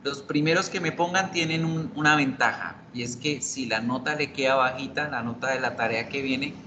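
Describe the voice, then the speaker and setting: A man's voice: mid-range voice, normal speed, background noise. A man teaching an online English class, patiently explaining pronunciation and repeating words.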